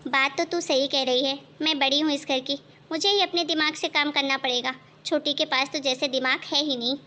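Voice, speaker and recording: A woman's voice: sits high, fairly even intonation, brisk, sharp tone, pitched below the performer's own voice. A woman voicing a proud, suspicious elder daughter-in-law who looks down on her younger rival. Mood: scheming. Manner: haughty, suspicious, gossiping.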